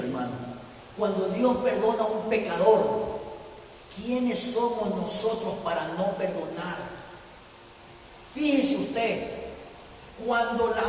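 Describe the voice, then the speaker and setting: A man, a pastor preaching a sermon to his congregation with rising and falling intensity. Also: high-pitched. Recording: echoey hall from far off, faint hiss.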